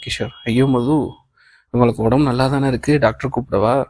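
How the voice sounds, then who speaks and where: A man's voice: medium pitch, brisk, dry recording, natural voice. A man reading a kind, encouraging boss. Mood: reassuring. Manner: calm, reassuring talk mixing English phrases. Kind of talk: audiobook reading of a novel.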